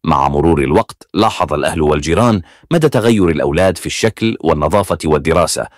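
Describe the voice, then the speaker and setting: Brief: brisk male storyteller, animated and very low, dry sound. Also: dry recording. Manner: brisk, lively narration of a true story. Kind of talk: scripted story narration.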